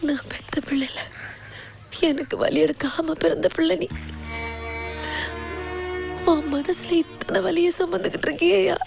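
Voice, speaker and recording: An actress playing a soft, emotional middle-aged village mother with a gravelly voice. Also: very high-pitched, fairly even intonation, a little slow, long pauses, soft background music, exaggerated voice. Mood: tender.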